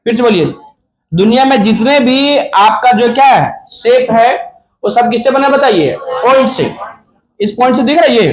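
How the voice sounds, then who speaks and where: A man's voice: very high-pitched, animated, moderate pace, slight background noise. A man teaching a physics class, asking the students questions, answering them himself and joking with them. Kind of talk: classroom lecture. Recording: echoey classroom with student crowd.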